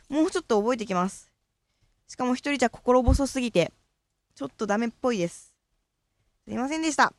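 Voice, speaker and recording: A woman's voice: medium pitch, no room sound. A young woman from Fukuoka with a Fukuoka accent, hosting a casual solo chat and talking about her tongue-twister practice in a chatty, self-deprecating way. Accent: Fukuoka Japanese. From Fukuoka, Japan. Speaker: host.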